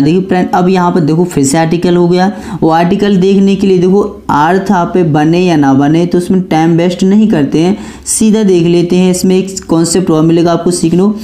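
Mellow-voiced male teacher quizzing himself. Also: sits high. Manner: asks himself questions, then answers them; repeats key points over and over. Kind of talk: exam-prep grammar lesson.

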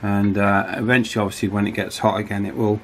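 This electronics repair hobbyist presenter has a fairly low, slightly bright voice with little pitch movement, and he talks quickly. He gives a casual hands-on repair demonstration, thinking aloud with some hesitation, in a small indoor office workshop where table fan wind noise is clearly heard.

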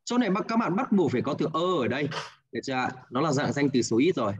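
Guiding students through exercises in an online English class, this Hanoi-accented man repeats answers patiently, checks on his learners, and closes with "đúng không ạ?". He talks fast in a slightly high, sing-song, somewhat rough voice, with the highs clipped.

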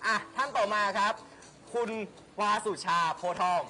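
A man's voice: high-pitched, measured pace, background noise. A man hosting a live stream in a playful, bantering way, full of exclamations. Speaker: live show host.

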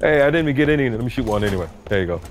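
A man's voice: mid-range voice, lively intonation, racing, background noise. A man chatting casually as he plays a co-op game, goofy and given to repeating words and making sound effects. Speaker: gamer playing co-op. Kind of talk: casual gameplay chat. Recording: game music and gunfire behind.

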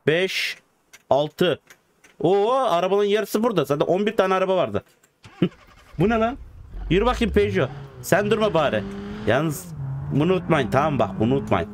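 A young man giving casual gameplay commentary as a YouTuber, swinging between loud excited outbursts and low muttering. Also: moderate pace, pauses often, dry recording. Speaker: gaming YouTuber. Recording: clear background noise. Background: game car sounds.

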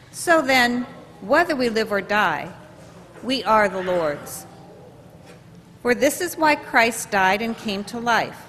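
A woman lector giving a formal, measured scripture reading at a lectern in a large church. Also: fairly high pitch, a bit bright, slight background noise. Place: large church, far from the camera. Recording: distant church recording with long reverb.

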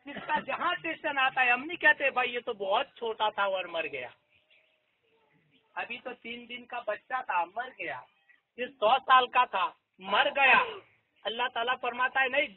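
A man's voice: extremely high pitch, a little hiss or hum. A man telling a moral story as a devotional sermon, repeating key lines for emphasis. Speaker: preacher. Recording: tinny phone-like audio.

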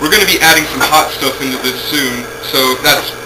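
With a slightly high, brisk voice, a young adult man runs a home cooking show from his kitchen, tossing out offhand jokes as he cooks. He's recorded on a built-in camera mic a few feet off, and the sound is noisy.

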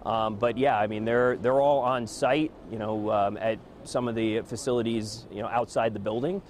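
A man's voice: on the low side, steady tone, normal speed, slight background noise. A man in an indoor stadium answering interview questions hesitantly, with many fillers, as an event organizer.

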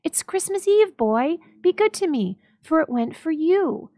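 A woman's voice: extremely high pitch, very animated, measured pace, dark tone, dry recording, studio quality, voice pushed up, exaggerated voice. A woman voicing an eager, devoted young wife in a dramatic story reading, gushing and pleading earnestly.

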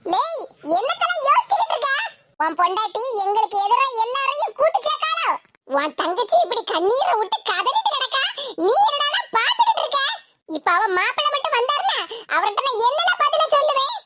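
A voice actor playing a fierce, doting mother who scolds her son, speaking with a Tirunelveli Tamil accent in an animated comedy. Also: extremely high pitch, a little fast. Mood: scolding. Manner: scolding, fussing. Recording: loud background noise.

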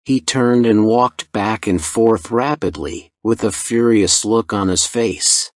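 A man reading a story slowly and deliberately for English learners. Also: on the low side, no room sound, studio quality. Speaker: narrator. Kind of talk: slow scripted story narration for English learners.

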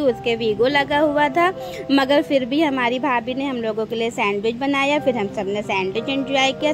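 A woman narrating a family vlog in a chatty way, often addressing viewers as friends. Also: on the high side. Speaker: vlogger. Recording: voice-over with clear background music.

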